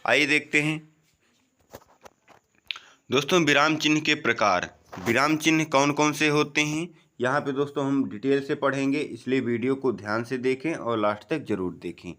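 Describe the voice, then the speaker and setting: A man giving an exam-prep grammar lesson, slowly explaining, asking and answering his own questions, often saying "okay" and "friends". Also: bright, forceful tone. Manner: drops low on the answer words. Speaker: teacher.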